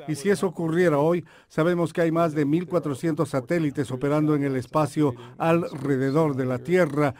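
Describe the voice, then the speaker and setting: Científico que explica, voz algo aguda. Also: male voice, on the high side, fairly even intonation, normal speed, hardly any pauses, a little mellow. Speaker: scientist. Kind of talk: interview soundbite.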